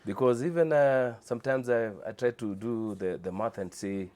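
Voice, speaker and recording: A man with a Kenyan accent giving informal interview answers in a hesitant, halting way. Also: medium pitch, a little mellow. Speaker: interview guest, car audio dealer.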